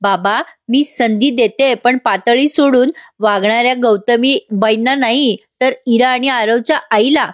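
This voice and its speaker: A woman reading a calm, earnest young daughter. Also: a little high, measured pace, few pauses, no room sound, clean studio sound, natural voice. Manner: gentle, persuasive.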